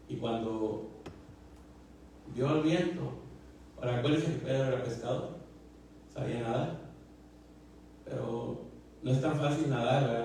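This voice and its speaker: A man's voice: mid-range voice, a little mellow, a little hiss or hum. A man preaching a sermon as pastor, fervent and repetitive, full of fillers and questions to the congregation. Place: church hall. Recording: very echoey hall, mic far off.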